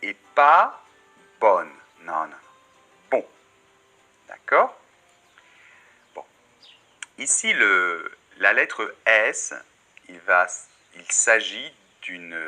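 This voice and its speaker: A man's voice: mid-range voice, bright, forceful tone. A man teaching a beginners' French lesson, patiently modelling each sound and word for the learner.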